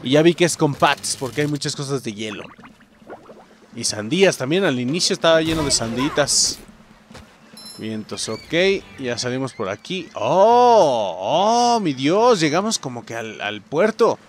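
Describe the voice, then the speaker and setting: Excitable Mexican man commenting on gameplay. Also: medium pitch, unhurried, a little hiss or hum. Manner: excitable, swears, exclaims at the game, talks to viewers. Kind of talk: let's-play commentary.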